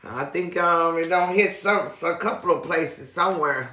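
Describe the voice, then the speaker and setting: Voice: mid-range voice, measured pace, sharp tone. A person chatting casually and effusively to viewers as a video host, often repeating phrases. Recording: echoey room.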